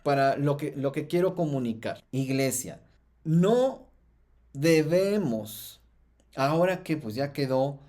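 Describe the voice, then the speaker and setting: Mexican guy on a faith podcast, kinda high voice, thinks out loud with lots of ums, pushes up on key points. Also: lively intonation, slow. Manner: thoughtful, many fillers and restarts, rises in emphasis. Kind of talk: reflective podcast teaching.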